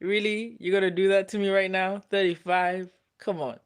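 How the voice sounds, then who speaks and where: Hosting a relaxed livestream, this Ghanaian woman in her twenties speaks at a normal speed with a medium pitch, a steady tone, and a clean sound. She teases her way through viewer comments, reading them aloud and laughing frequently.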